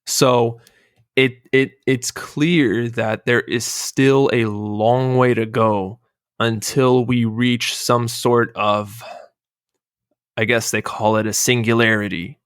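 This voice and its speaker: A man's voice: medium pitch, fairly even intonation, slow, smooth, no room sound, clean studio sound. A man hosting a casual podcast discussion, explaining at length and often checking in with "right?". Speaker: podcast host.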